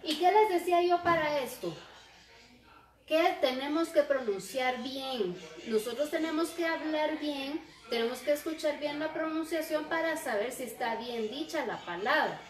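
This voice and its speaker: A woman teacher giving a lesson, speaking slowly and checking in with rhetorical questions. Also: high-pitched, lively intonation. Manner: slow, repeats examples and asks rhetorical checks. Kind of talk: recorded classroom lesson. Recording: echoey room.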